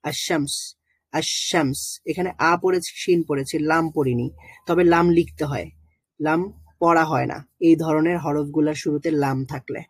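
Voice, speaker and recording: Husky teacher. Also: mid-range voice, no echo. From Bangladesh. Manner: patient, pauses to sound out letters and syllables slowly; hesitant with frequent drawn-out fillers. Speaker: Quran recitation teacher. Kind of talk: online lesson explaining letters.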